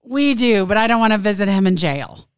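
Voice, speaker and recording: A woman's voice: mid-range voice, animated, fairly quick, clear, resonant tone, no room sound, studio quality. A woman co-hosting a podcast in casual chat, talking with many likes and restarts, and with the hiccups. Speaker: podcast co-host.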